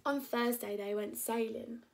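A young English woman, a primary school teacher, reading a picture book aloud to children with lively voices for the characters. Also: fairly high pitch, a little slow.

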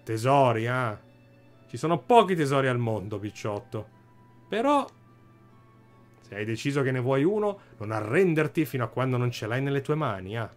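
A gruff older bandit chief with a put-on drawl, as a man acts him out, ending lines with a knowing "eh?". His voice swings widely in pitch. Soft game music plays faintly behind him. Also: expressive, moderate pace, close to an everyday voice. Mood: fatherly. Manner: drawling mafioso address, tags "eh?". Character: gruff old male bandit boss, mob-style.

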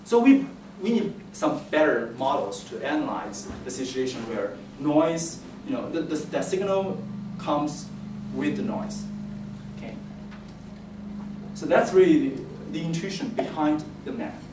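A young man giving an academic presentation as a PhD candidate, with a halting, hesitant delivery and repeated words. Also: on the high side, lively intonation. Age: young adult. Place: indoor seminar room. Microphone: distant camera microphone. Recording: echoey room, distant mic, faint noise.

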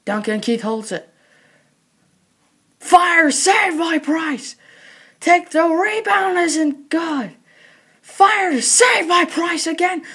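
A very high, youthful-pitched voice gives frantic mock sports commentary on a hockey game. The calls come in short, clipped bursts with drawn-out words between pauses. The delivery is excitable, always ready to rise toward a shout. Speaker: play-by-play commentator.

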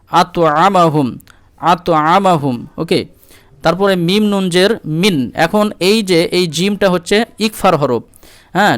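Man, patient Quran tutor; high, smooth voice, dry close sound. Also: dry recording. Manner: slow syllable-by-syllable spelling, drawn-out melodic recitation. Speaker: Quran recitation teacher. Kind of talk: spelling-and-recitation lesson.

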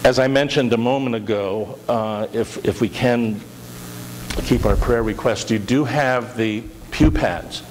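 Speaking a little slowly at medium pitch, a middle-aged pastor earnestly prays and delivers announcements in a large church, often going back over his words. The sound is echoey, as in a church hall, with hiss.

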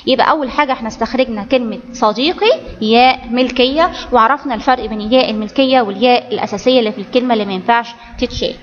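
A woman's voice: on the high side, racing, long reverb tail, lo-fi sound. A woman with an Egyptian accent teaching children Arabic grammar, explaining step by step and often checking that the class follows. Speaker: primary school Arabic teacher. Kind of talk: online grammar lesson for children.

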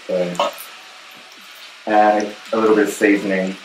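A middle-aged man with a fairly low voice talks casually through a recipe as he cooks. The sound has a roomy echo from his home kitchen. Pots and cutlery clatter clearly around him. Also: little pitch movement, unhurried, a little hiss or hum. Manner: chatty, gives tips while working at the stove. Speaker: cooking show host. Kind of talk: casual cooking demonstration. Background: cutlery and pan clatter.

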